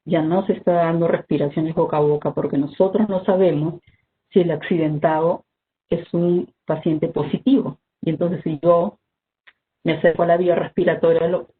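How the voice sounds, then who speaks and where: A health instructor, giving an online first-aid training talk in a measured, explanatory way, often ending points with "¿no?". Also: medium pitch, fairly even intonation. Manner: measured, explanatory, frequent "¿no?" tags and "este" fillers. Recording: tinny phone-like video call audio with faint noise.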